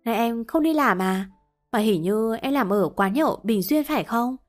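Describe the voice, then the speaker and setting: A woman's voice: fairly high pitch, expressive, moderate pace, soft background music, close to an everyday voice. Sugary young secretary with a sneaky jab in it, read by a woman. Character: sly, sweet-talking young female secretary.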